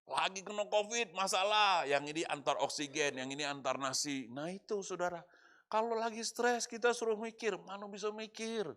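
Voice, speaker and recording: A male pastor preaching a lively sermon at an online service, acting out the people he quotes. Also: high-pitched, moderate pace. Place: church or studio for an online service.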